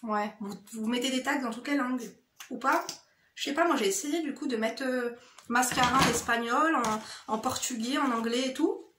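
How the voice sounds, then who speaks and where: A high-voiced woman, a beauty vlogger, chats casually at a moderate pace through a get-ready-with-me makeup session. She's slangy and familiar, speaking directly to viewers with frequent "hein" tags, against background noise in an echoey indoor room.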